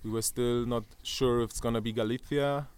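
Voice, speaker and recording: This clean, darkish mid-range voice belongs to a German man in his thirties with a German accent. He speaks briskly with fairly even intonation, yet hesitantly, full of fillers and restarts, during an interview on an outdoor terrace above a valley.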